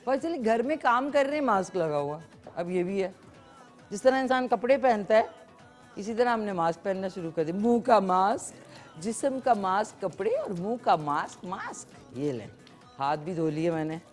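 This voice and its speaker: A woman's voice: medium pitch, animated, normal speed, soft background music. A woman from Pakistan hosting a live morning cooking show, chatty and playful, slipping English phrases into her talk.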